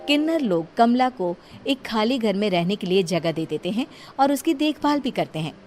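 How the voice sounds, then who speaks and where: A woman narrating a scripted village story in a steady, dramatic way. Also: medium pitch, moderate pace, soft background music.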